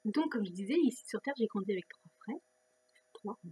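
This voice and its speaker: A woman vlogger telling a personal story in a chatty, self-mocking way, laughing often and dropping into soft whispered asides. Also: mid-range voice, lively intonation, a little fast, slightly rough. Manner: restless, repeating questions and restarting phrases. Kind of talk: casual personal storytelling to camera.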